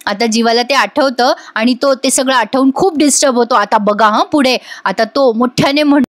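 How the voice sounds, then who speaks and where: A woman with a high voice recaps a television serial in a voice-over. She talks to her viewers in a chatty, familiar way as she retells each scene. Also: normal speed. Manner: chatty, addresses viewers directly. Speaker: serial review narrator.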